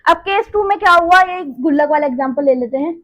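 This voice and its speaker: A woman teaches a maths lesson in a relaxed, chatty way. Her voice sits very high, and she keeps checking in with her students as she repeats each step. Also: fast, low-quality recording. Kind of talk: casual classroom lesson.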